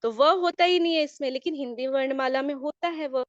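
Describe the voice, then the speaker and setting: High-voiced woman teaching an exam lesson. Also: brisk, dry recording, muffled recording. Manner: explanatory, often adds "theek hai" checks. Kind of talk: exam answer key lesson.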